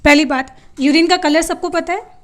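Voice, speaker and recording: High-voiced woman teaching biology. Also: fairly even intonation, normal speed, fairly bright tone. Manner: asks the class questions and answers them herself; mixes English terms into her explanations. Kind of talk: classroom lecture.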